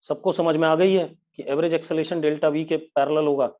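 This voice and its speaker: Male physics teacher, brisk and scolding, live online lecture. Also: fairly high pitch, fairly even intonation, mellow. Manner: brisk, scolds students by name.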